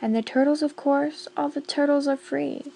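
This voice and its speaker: A woman narrates a children's storybook aloud, bouncing along with the rhyme in a sing-song rhythm. Her voice sits a little high, with a gravelly edge to it. She keeps a steady, storytelling cadence. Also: normal speed, poor audio. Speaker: audiobook reader.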